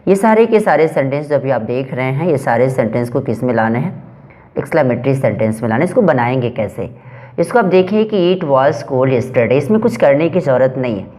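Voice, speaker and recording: A male teacher giving a grammar lesson, reading each English example slowly and then explaining it step by step, asking and answering his own questions. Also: medium pitch, lively intonation, warm tone. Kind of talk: classroom lesson explaining exercises.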